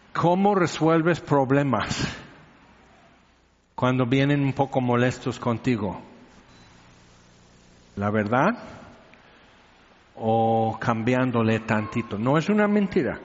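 A man preaching a sermon, conversational and teasing, often asking his listeners questions. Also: medium pitch. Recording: reverberant hall, dull lo-fi sound.

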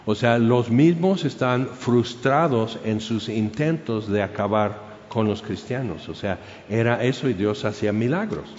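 A man preaching, telling a martyr's story in an animated way, with many fillers and acted-out crowd shouts. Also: mid-range voice, a little slow, hardly any pauses. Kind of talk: sermon storytelling. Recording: dull sound in a reverberant hall.

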